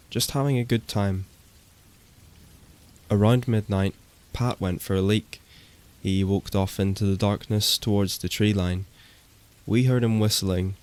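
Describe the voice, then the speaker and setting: A man giving a steady, matter-of-fact scripted horror narration. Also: fairly low pitch, smooth.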